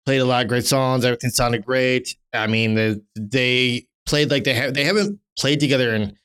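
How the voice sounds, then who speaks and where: A man in his thirties co-hosts a podcast in casual chat. His voice is smooth and resonant. He rambles with lots of restarts and drops the odd swear word. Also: medium pitch, normal speed, fairly bright tone. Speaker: podcast co-host.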